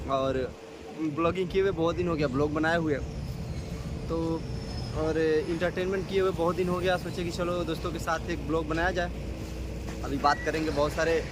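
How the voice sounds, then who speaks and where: A man with a Bhojpuri accent chatting casually and teasingly to camera as a vlogger, often repeating himself. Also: fairly high pitch. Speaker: vlogger and shopkeeper. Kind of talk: casual vlog chat to camera. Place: at a shop in a market. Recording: noisy outdoor street ambience.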